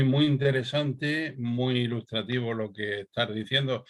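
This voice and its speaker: A man's voice: medium pitch, a bit bright. A middle-aged man from Spain hosting an interview in a courteous manner, often repeating words. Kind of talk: casual interview chat.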